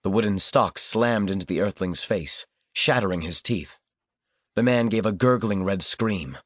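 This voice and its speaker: Deep, husky male audiobook narrator. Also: unhurried, fairly bright tone, no room sound. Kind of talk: scripted narration.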